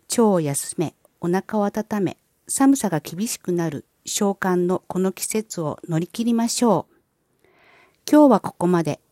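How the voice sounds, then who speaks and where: A woman host reading a scripted wellness explainer with guided visualization, in polite, formal and measured phrasing. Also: fairly low pitch, dark tone, no room sound, clean studio sound. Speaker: host of a wellness and spirituality channel.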